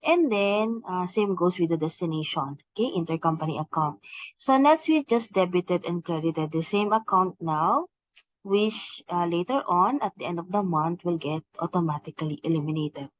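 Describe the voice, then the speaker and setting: This software trainer speaks at normal speed in a lowish voice as she walks through a tutorial step by step, semi-scripted and full of hesitations plus repeated "okay" and "please take note." The recording is dry with no echo, though a little dull.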